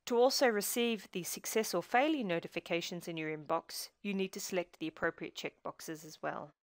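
Speaking in a lowish register, a woman gives measured, step-by-step instructions in a scripted screencast for a software tutorial. The studio-quality recording has no echo.

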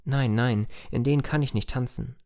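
A man voicing a tender, lively young village girl in a raised, eager pleading tone. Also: mid-range voice, moderate pace, lightly acted. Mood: fretful.

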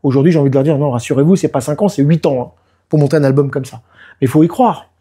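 A musician and producer in his fifties, appearing as a guest in a casual interview, tells lively stories and often acts out what people said to him. His male voice is on the high side, husky, and fast.

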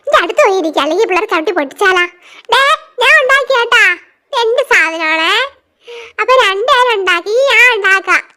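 A woman voicing children in a doll show, with a childlike, excitable delivery that turns to shrieks. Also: very high-pitched, fairly quick.

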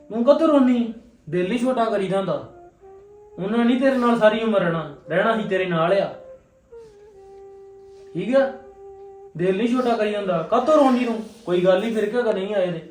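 A high-voiced young husband, chatty and coaxing, who keeps repeating his reassurances, as a man acts him out. The family-drama voice sounds set back from the mic in an echoey room. Soft music plays underneath. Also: recorded from a distance, close to an everyday voice. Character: young husband, teasing then consoling his wife. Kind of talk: family web drama acting.

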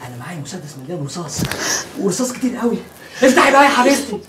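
An actor playing a deranged, lovesick doctor in an Egyptian accent, excitable and pushy, swinging from shouting to crooning. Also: male voice, high voice, very fast, background noise. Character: unhinged lovesick male doctor, pushy and wild. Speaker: deranged suitor.

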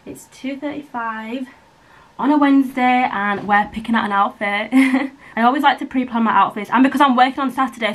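A woman's voice: fairly high pitch, fairly bright tone, low-quality recording. A young woman from Britain chatting casually to camera at home, rambling and filling her talk with "like" and "blah, blah, blah". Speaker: vlogger. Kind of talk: casual vlog chat to camera. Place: at home indoors.

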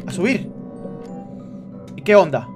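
A young man giving excited gameplay commentary, shouting when startled. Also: high-pitched, slow pace. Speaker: gamer streamer. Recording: voice over game music.

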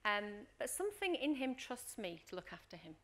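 A woman's voice: medium pitch, normal speed. A middle-aged woman coaching a workshop, telling stories and acting out scenes, often checking in with the room. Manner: lively storyteller, acts out scenes, checks in with "Okay?". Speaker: leadership coach and workshop trainer. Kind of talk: workshop talk with acted-out anecdotes.

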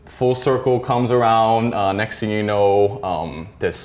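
A man in his thirties with a lowish voice talks in a casual interview about his work as a tattoo artist. He is earnest, laughs easily and leans on lots of ums as he thinks aloud. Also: unhurried, darkish tone. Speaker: tattoo artist and shop owner.

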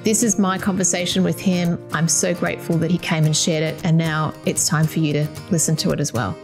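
A woman's voice: deep voice, level tone, brisk, faint music behind. A woman in her forties hosting a podcast interview, earnest and thankful toward her guest, speaking on a video call. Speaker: podcast host. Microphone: headset and desk mic on video call.

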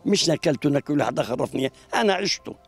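A man's voice: a little high, animated, fast talker, breathy edge, faint music behind. A man, reminiscing about old village life in an outdoor interview, speaking into a handheld mic in a garden. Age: 80s. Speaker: elderly local resident. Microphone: handheld mic held by interviewer.

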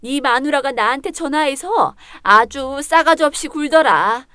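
A cold, scolding mother-in-law with a high, sharp voice, as a woman puts her on. She belittles and nags in a dramatized story reading, recorded dry and close. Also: animated, measured pace, no echo, full character voice. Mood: complaining. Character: harsh, scornful older Korean mother-in-law.

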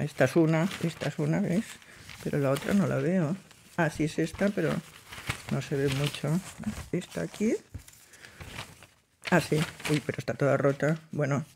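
An older woman, telling a personal memory to camera in a chatty, digressive way and acting out the dialogue. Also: low-pitched. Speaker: host recounting a memory.

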